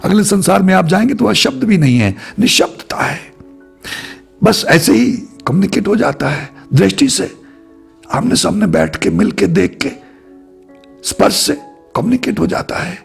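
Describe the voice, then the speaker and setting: A man's voice: sits high, huge pitch swings, normal speed, gravelly, slightly rough, soft background music. A man giving a reflective spiritual talk to his viewers, repeating phrases in long lists. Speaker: spiritual speaker.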